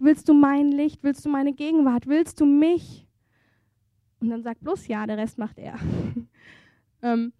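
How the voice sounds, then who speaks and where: A woman preaching a sermon at a church service, earnest and intimate, moving between hushed softness and fervent emphasis. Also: high-pitched, dry recording.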